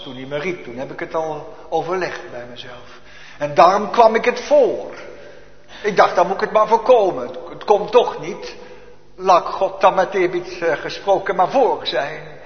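A man preaching a sermon to his congregation, swinging from hushed asides to loud, emphatic declamation in old-fashioned churchly Dutch. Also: a little high, lively intonation, moderate pace. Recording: echoey church hall, dull lo-fi.

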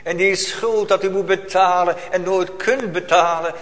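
A pastor delivers a solemn, urgent sermon in a church, filling it with rhetorical questions for his congregation. His voice sits high, a bit bright and steady, at normal speed. The church hall's long reverb rings through the recording.

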